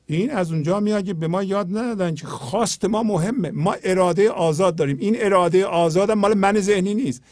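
A man hosting a spiritual talk, explaining poetry earnestly and often dropping to a low, quiet tone. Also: few pauses, dry recording, clean studio sound.

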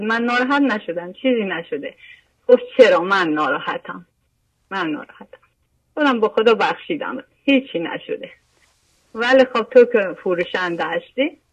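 A woman's voice: medium pitch, low-quality recording. Older woman caller, earnest, repeats herself while recounting a story. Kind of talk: phone-in chat.

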